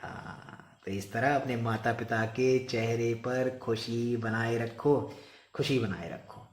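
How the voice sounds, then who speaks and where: A man vlogger telling a homely family story, gently and repetitively, then giving advice. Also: mid-range voice, fairly even intonation, slow pace, reverberant.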